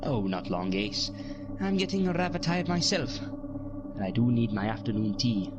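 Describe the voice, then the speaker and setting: An actor playing the Seventh Doctor, an eccentric, secretive older alien time traveller who speaks in hesitant, theatrical phrases in an audio drama. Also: male voice, mid-range voice, big pitch swings, a little slow, very noisy. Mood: coaxing.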